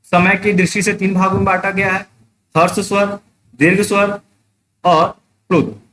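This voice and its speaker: A man's voice: high voice, sharp tone, a little hiss or hum. A man teaching a live exam-prep class online, explaining step by step, repeating key points and checking that students follow.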